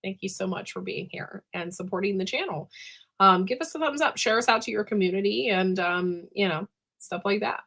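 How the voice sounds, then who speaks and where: A woman with a hoarse, smoker-like rasp and a voice that is giving out, chatting casually as host of a livestream and often clearing her throat. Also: medium pitch, moderate pace, fairly bright tone. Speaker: host of a live canning chat.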